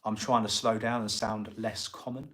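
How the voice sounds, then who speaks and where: A man's voice: lowish voice, flat delivery, moderate pace, a bit bright. A man with an Essex accent, chatting casually and informally as the host of a livestream. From Essex, England. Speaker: livestream host and estate agent. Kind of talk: casual livestream chat answering viewers' comments.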